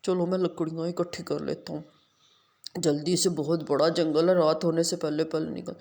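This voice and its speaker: A woman's voice: low voice, level tone, moderate pace, gravelly, a little mellow, voice pushed down. A woman voicing a stern but caring doll father who fusses over his children in a doll story. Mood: busy.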